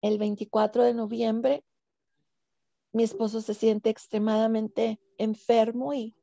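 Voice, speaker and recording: A woman tells her personal story of faith in a halting way, often repeating words and leaning on fillers. Her voice sits fairly high with a gravelly fry and a dark, mellow tone. The sound is dry and close. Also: flat delivery, dry recording, muffled recording. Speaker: guest giving a faith testimony. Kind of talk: emotional personal testimony.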